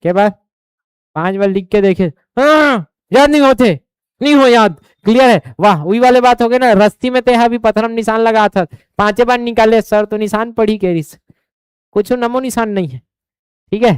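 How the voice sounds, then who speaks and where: Male coaching tutor with a Chhattisgarhi accent, drills figures by repetition, clear resonant voice, dry close sound. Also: high-pitched, moderate pace, no echo. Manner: drills numbers by repetition, keeps asking if students follow. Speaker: teacher. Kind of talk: exam coaching lesson.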